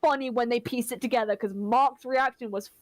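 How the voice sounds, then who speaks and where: A woman's voice: fairly high pitch, steady tone, a little fast, dry recording, faint music behind. Laughing woman game master, dry sound. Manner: cheerful, laughs often. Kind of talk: narrating a tabletop game.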